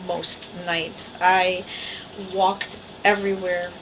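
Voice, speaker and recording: Slow and level in tone, a lowish, small and girlish voice belongs to a vlogger in her forties from the Bronx, New York. At home, she chats casually to her camera, self-deprecating, wry and prone to rambling. Background noise comes through on the camera mic.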